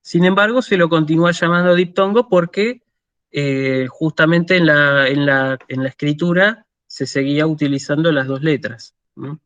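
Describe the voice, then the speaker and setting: A man with an Argentine Spanish accent giving an online university lecture, patient and deliberate, often checking in and pausing on fillers. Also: a little high, steady tone, fairly bright tone, no room sound, lo-fi sound. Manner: slow and deliberate with many fillers.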